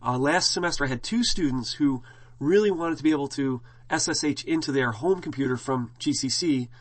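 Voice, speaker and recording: A man's voice: medium pitch, brisk. A middle-aged male college instructor with a scratchy throat, giving a casual, rambling classroom lecture full of fillers and restarts.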